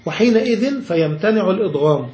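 A man's voice: high-pitched, expressive, quick pace, darkish tone, roomy sound. A man teaching Arabic grammar, patiently explaining a text and repeating each point in plainer words.

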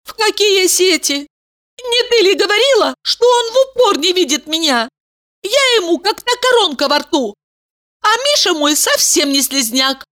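Woman doing a stubborn young woman in love, high squeaky voice, bouncy and defiant. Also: sing-song, moderate pace, a bit bright, exaggerated voice. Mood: indignant, stubborn. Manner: high-pitched, indignant, stubborn.

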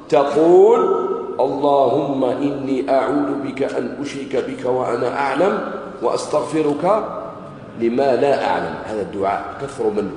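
A man with an Algerian Arabic accent giving a sermon lesson, animated and acting out quoted voices. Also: a little hiss or hum. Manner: animated, acts out quoted voices, rising to high pitch when exclaiming. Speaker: preacher. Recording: echoey hall with long reverb.

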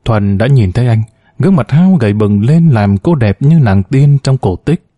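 Mellow-toned male audiobook narrator. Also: medium pitch, animated, moderate pace, dry recording, clean studio sound. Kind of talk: scripted narration.

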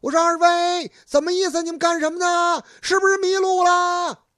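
A storyteller voicing a kindly rural villager man who shouts across a valley to two lost travellers. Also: extremely high pitch, little pitch movement, moderate pace, no room sound, studio quality, pitched above the performer's own voice. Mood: calling out.

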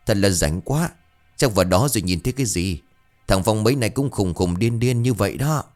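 A man's voice: fairly low pitch, animated, brisk, soft background music, lightly acted. A man voicing a gossipy village woman neighbor, chatty and confiding. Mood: gossiping.

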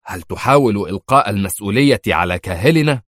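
An agitated, angry president, voiced by a male narrator, snapping at his officials. His voice is low and dry. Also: lively intonation, fast, no room sound, close to an everyday voice.

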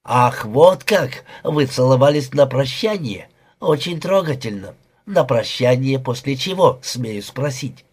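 A man's voice: medium pitch, expressive, measured pace, breathy edge. A man voicing a young jealous husband who sneers, insults and flies into rages, read aloud in an audiobook. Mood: sneering. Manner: sneering, explosive.

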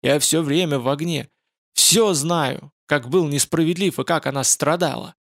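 A man's voice: a little high, expressive, moderate pace, fairly bright tone, no echo, studio quality. A man reading aloud and voicing a desperate, tormented dragon rider who cries out in anguish. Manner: anguished outcries.

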